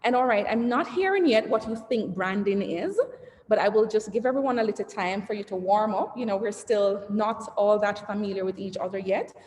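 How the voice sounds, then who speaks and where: A woman executive with a mid-range, slightly mellow voice gives a brisk, interactive branding presentation to entrepreneurs over a video call. She talks conversationally, asks the audience questions, reads the chat aloud, and trails lists with "et cetera." The sound is roomy and reverberant, with faint noise.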